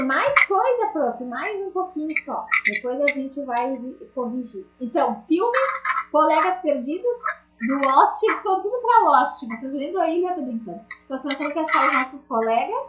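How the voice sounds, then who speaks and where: A high-pitched woman teaches an online class, chatty and full of small jokes as she talks straight to her students. Her voice comes through a dull, lo-fi call with a roomy echo. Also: background noise. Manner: chatty, jokey, addresses students directly.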